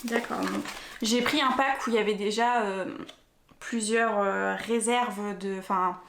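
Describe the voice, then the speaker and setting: A woman's voice: mid-range voice, fairly even intonation, unhurried, vocal fry, fairly bright tone, roomy sound, slight background noise. A young woman vlogging casually about her book haul and an unboxing, rambling with lots of fillers and restarts. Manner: chatty, many fillers and restarts. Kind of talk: casual vlog chat, unboxing. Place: rural home, later in a henhouse.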